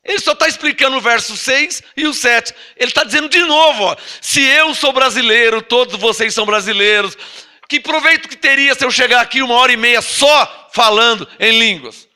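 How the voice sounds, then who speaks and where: An apostle with a Brazilian Portuguese accent preaches a Bible-teaching sermon to his congregation, reading scripture in a slow, drawn-out way before explaining it emphatically and prodding listeners with rhetorical questions. His voice is very high, pushed and bright, yet smooth.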